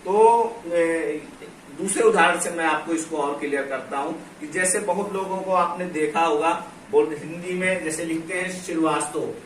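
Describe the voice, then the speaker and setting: A man teaching English pronunciation and grammar, explaining slowly, repeating key words and spelling out letters. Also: on the high side. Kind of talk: classroom-style explanation at a board. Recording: echoey room, from a distance, faint noise.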